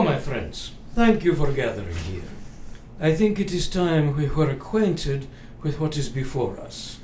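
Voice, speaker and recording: An actor playing an old foreign professor and vampire hunter in a radio play, speaking with grave, formal, halting earnestness. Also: male voice, fairly high pitch, vocal fry, a little mellow, full character voice. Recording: roomy, faint background noise.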